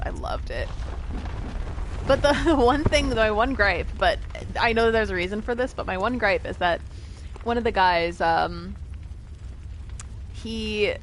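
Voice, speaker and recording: A woman's voice: mid-range voice, rough recording. Chatty woman streaming a game, faint noise. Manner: informal, chatty, expressive. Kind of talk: casual live gameplay commentary and chat.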